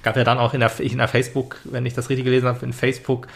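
A man's voice: medium pitch, completely flat delivery, very fast, creaky. A man co-hosting a casual football podcast, talking hesitantly with many fillers and restarts. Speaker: podcast co-host.

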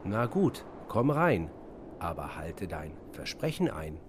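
A man's voice: low-pitched, very animated, slow pace, noisy background, exaggerated voice. A man playing kindly hut-dweller Vanja. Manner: exclaiming, warmly welcoming. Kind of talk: family storybook reading.

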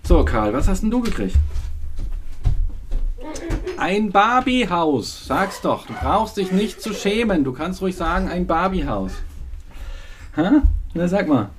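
A woman's voice: fairly low pitch, very animated, normal speed, a little mellow, a little hiss or hum. A middle-aged woman hosting a casual family podcast at home, teasing her kids with a joking, stumbling manner. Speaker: podcast host and mother.

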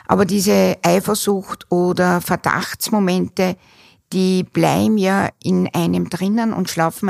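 Woman, lowish voice, gravelly, measured, explaining patiently. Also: a little mellow. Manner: measured, pausing with fillers. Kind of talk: explanatory interview answers.

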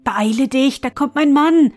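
High, eager countess from a storybook, done by a woman reader, faint music behind. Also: a little slow, lightly acted. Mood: earnest. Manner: higher, eager, pleading. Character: clever, kind griffin's wife, countess.

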